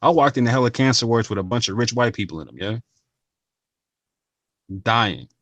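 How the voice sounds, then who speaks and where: A man's voice: mid-range voice, lively intonation, moderate pace, fairly bright tone, no echo. A man talking casually and earnestly to his viewers, using slang and often repeating and restarting his phrases. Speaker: channel host. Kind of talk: casual talk to camera.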